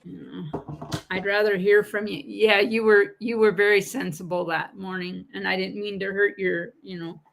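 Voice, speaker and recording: Woman, livestream coin seller, gravelly voice, chatty and rambling. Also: medium pitch, steady tone, moderate pace, slight background noise. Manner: chatty, laughs easily, rambling asides. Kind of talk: casual livestream chat.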